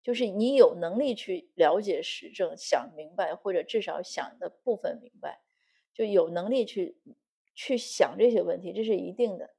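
A woman's voice: fairly low pitch, moderate pace, creaky, dark tone, breathy edge. A middle-aged woman from China giving a spoken commentary monologue, arguing her case and throwing in rhetorical questions.

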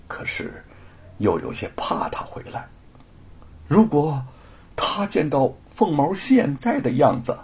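嗓音沙哑、抑扬顿挫的男说书人. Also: male voice, mid-range voice, vocal fry, breathy edge. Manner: very expressive, swinging between hushed and loud. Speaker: storyteller. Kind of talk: dramatic storytelling narration.

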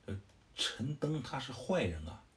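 A man's voice: medium pitch, big pitch swings, a little slow, a bit bright, voice pushed up. A man playing an urgent shrewd strategist. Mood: urging. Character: shrewd male strategist advising his general.

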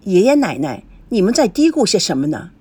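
A woman's voice: medium pitch, big pitch swings, brisk, warm tone, breathy edge. A woman reading an audiobook, voicing a young grandson who dodges and reassures. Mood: curious. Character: young man, grandson, evasive and warm.

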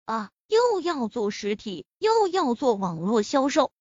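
A woman's voice: on the high side, very animated, measured pace, no echo. A woman voicing an earnest, slightly bashful young male graduate in an audiobook. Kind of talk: audiobook reading. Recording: dull lo-fi recording.

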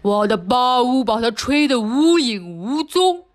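A woman reading a storybook aloud, voicing a bossy male elephant with slow, loud demands. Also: a little high, big pitch swings, soft background music.

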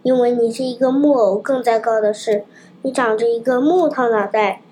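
A woman reading a storybook, voicing a wise old talking cicada who lectures calmly. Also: a little high, normal speed, slight background noise, lightly acted. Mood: calm, admonishing. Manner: calm, lecturing.

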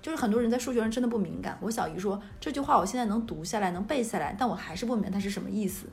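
A woman's voice: mid-range voice, rapid-fire, creaky. A woman from Northeast China co-hosting a podcast, telling family anecdotes in casual chat and often laughing. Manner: lively anecdotes, breaks into laughter. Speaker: podcast co-host.

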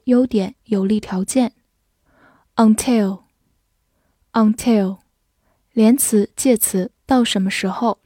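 Slow, mellow woman reading vocabulary. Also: fairly high pitch, no echo, studio quality. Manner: says each word twice slowly, then calm definitions. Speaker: English vocabulary teacher.

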